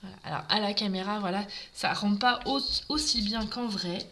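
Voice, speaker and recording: A woman's voice: mid-range voice, moderate pace, bright, forceful tone, a little hiss or hum, rough recording. A woman giving a live craft demonstration, talking through each step and greeting viewers as she works.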